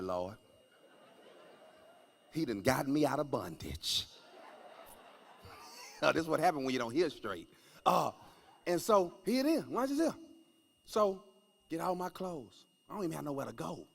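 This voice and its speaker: Animated Southern man telling stand-up stories. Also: mid-range voice, creaky. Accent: Southern American English. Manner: animated, swings from loud outbursts to mumbled asides. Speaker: comedian. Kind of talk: stand-up comedy storytelling. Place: church stage, live audience.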